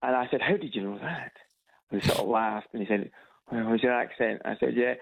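Gravelly and husky, this Scottish man's medium-pitched voice comes through quite quickly as he calls a radio show. The Edinburgh caller chats casually but hesitantly, repeating words and chuckling at his tales, over a tinny phone line on loudspeaker.

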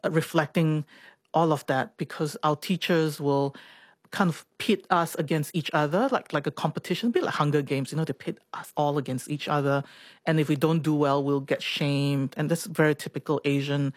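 A woman's voice: low voice, normal speed, dry recording, clean studio sound. Chatty woman in her forties. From Singapore. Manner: chatty, reflective, laughs often, repeats words. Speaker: interviewee, doctor. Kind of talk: reflective personal storytelling.

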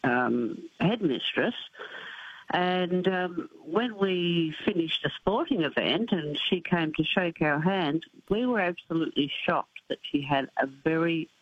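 A woman's voice: on the low side, lively intonation, a little slow, breathy edge, dry recording. Australian woman, 70s, front teeth missing, matter-of-fact radio caller on a muffled phone line. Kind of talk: casual anecdotes and advice. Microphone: telephone. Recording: dull, muffled phone call.

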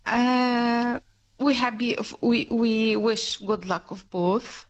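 Slow-speaking woman with an Egyptian accent. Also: a little high, steady tone. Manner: halting non-native English with frequent laughs. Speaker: interview guest. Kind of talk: radio interview.

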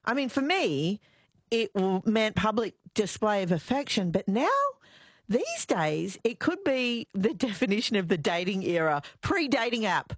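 An Australian woman hosting a talkback radio show, chatty and lively, reading out clues slowly and carefully. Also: mid-range voice, no echo, studio quality. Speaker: radio host. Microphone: studio microphone.

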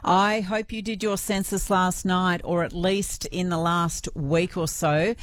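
A woman's voice: lowish voice, steady tone, a little slow, dry recording, soft background music. An Australian woman hosting a radio programme in a chatty, informal, conversational way. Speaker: radio host.

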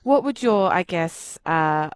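A woman interviewing a guest on radio, asking gentle, measured questions. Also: fairly low pitch, lively intonation, no echo.

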